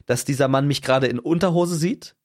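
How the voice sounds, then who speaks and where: A young man co-hosting a podcast, telling a story in casual chat, animated and swearing freely. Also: on the high side, brisk. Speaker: podcast co-host.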